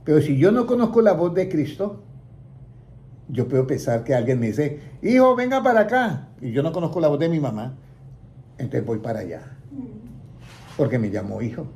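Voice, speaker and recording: A man's voice: medium pitch, big pitch swings, moderate pace, long pauses, mellow, a little hiss or hum. A man leading a Bible lesson for a small indoor group, asking questions and leaving his sentences open for listeners to complete. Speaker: Bible teacher.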